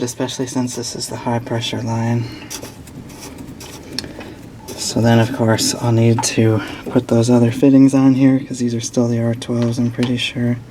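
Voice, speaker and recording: A man's voice: medium pitch, dark tone, a little hiss or hum. A man giving a plain, hands-on walkthrough of a repair, explaining as he works on an engine. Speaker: DIY mechanic. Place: working in a vehicle's engine bay.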